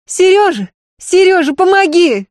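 A woman's voice: medium pitch, big pitch swings, moderate pace, warm tone, husky, dry recording, clean studio sound, voice pushed up. A woman doing a frightened young noblewoman. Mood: terrified. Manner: cold, then pleading and panicked. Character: frightened young noblewoman, proud but desperate.

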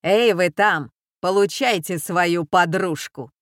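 A woman's voice: on the low side, takes it slowly, no room sound, studio quality. A woman voicing a ruthless old female bandit who leads a gang, speaking in a commanding, scornful manner.

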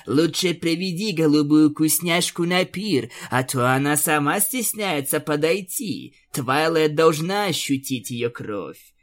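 Sneering female vampire pony boss in an audiobook, done by a male reader, unhurried and condescending. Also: a little high, close to an everyday voice. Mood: mocking. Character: cold, mocking female vampire pony leader. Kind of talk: audiobook character voice.

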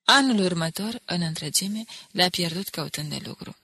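A woman reading a novel aloud in measured scripted narration. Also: lowish voice, lively intonation, bright, forceful tone, slightly rough, dry recording. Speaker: audiobook reader.

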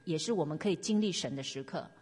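Low husky woman giving an earnest sermon. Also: animated, quick pace, darkish tone. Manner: earnest, exhorting. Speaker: preacher. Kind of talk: sermon with personal testimony. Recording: long hall reverb.

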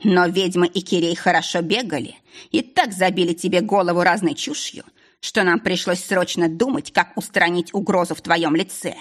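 A woman voicing a cold, scheming male duke who taunts his captives in a slow, mocking drawl. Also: fairly low pitch, fairly even intonation, close to an everyday voice. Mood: smug, mocking.

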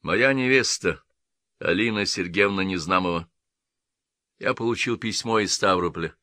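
A man's voice: low voice, moderate pace, dry recording, clean studio sound. A man voicing a composed officer who speaks coldly and steadily in an audiobook. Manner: cold and steady. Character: calm, composed male officer, quietly happy.

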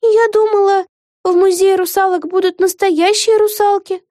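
A woman's voice: extremely high pitch, steady tone, moderate pace, warm tone, no room sound, studio quality, pitched above the performer's own voice. A woman reading an audiobook, voicing Vega, a wide-eyed young girl witch who sounds breathless and amazed.

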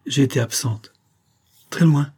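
A man's voice: mid-range voice, unhurried, warm tone, slightly rough, pitched above the performer's own voice. A man reading the lines of a bewildered young woman just returned from death, in an audiobook, close to his own narrating voice.

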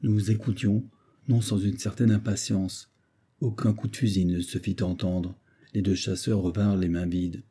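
A man narrating a classic adventure novel as an audiobook, in a measured, steady reading. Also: sits low, husky. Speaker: audiobook reader.

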